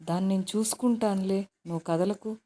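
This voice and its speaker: A woman's voice: mid-range voice, fairly quick, mellow, pitched above the performer's own voice, close to an everyday voice. A woman voicing a headstrong, pampered young woman who has just become a mother, speaking in a sulky, wheedling way. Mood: pouting.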